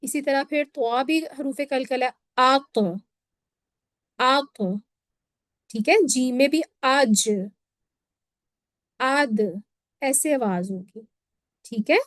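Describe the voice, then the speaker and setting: A woman from Pakistan teaches a recitation class, going over each point again and checking the students understand. Her voice sits high. The recording is dry, with no room echo. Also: unhurried, darkish tone. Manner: patient, repeats points and checks with "theek hai". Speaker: Quran teacher. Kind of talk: classroom lesson on Quran recitation.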